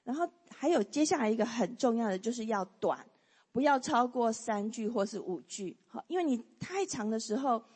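Speaking at normal speed with lively intonation, a woman with a slightly high, a little mellow and slightly rough voice teaches prayer at church. She leads the group in reading through the points, peppering her speech with "好" and "哈," and the hall reverb is long.

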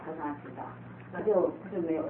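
Audience mom, quick speech with restarts, far from the mic, echoey and phone-like with clear noise. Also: female voice, low-pitched. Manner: hesitant restarts, storytelling. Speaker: parent in audience. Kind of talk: sharing experience in a group talk. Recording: distant, echoey, tinny with noise.

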